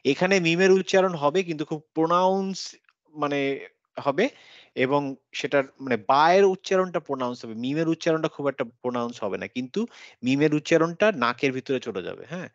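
A man with a somewhat high voice teaches recitation rules over a video call, patient and methodical, drawing out the examples with a nasal hum. The call audio is dry and a little dull. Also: dry recording. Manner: patient, explains step by step, chants examples slowly with nasal hum. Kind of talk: online class teaching tajweed rules.

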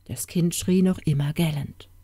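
A woman narrating a fairy tale in a calm, soothing way as an audiobook reader, close to the mic. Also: sits low, unhurried, slightly rough, dry recording.

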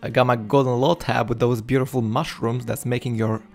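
A man's voice: mid-range voice, little pitch movement, brisk, vocal fry, a little mellow. A young adult man streaming a video game with casual, playful commentary, repeating words, his mouth sounding slightly numb. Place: indoor room at home. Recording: game music behind the voice. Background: game music.

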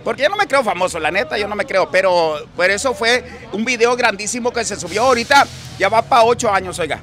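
A jovial man with a Sinaloa Mexican accent, talking outdoors on a city street in a casual, rambling interview. His voice sits very high and sounds bright and sharp, with street crowd noise around him. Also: expressive, quick pace. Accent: Sinaloa Mexican Spanish. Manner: jovial, rambling, laughs often.

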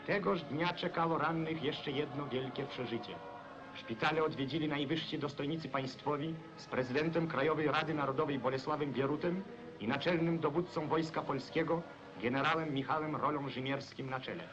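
A man's voice: fairly high pitch, brisk. A man reading a scripted narration in a formal, declamatory manner, as heard in an old 1940s newsreel. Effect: old 1940s newsreel recording. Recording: dull lo-fi 1940s film sound with loud music.

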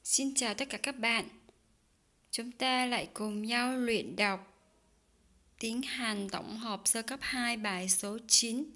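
A woman teaching a casual online language lesson, explaining slowly with many fillers and pauses. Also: a little high, pushed and bright. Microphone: desk mic while writing notes on screen.

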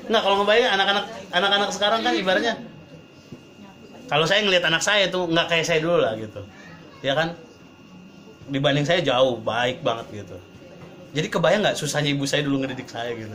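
A parenting trainer from Indonesia, a man in his thirties, gives a casual, chatty talk to a live audience, acting out the parents he quotes. His voice is on the high side, fairly quick yet broken by long pauses, pushed and bright. The crowd can be heard around him, murmuring and laughing.

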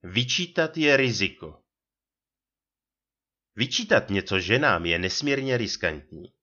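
Lively, bright-voiced male storyteller. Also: deep voice, muffled recording. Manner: dry, ironic storytelling. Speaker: audiobook reader. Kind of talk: humorous short story reading.

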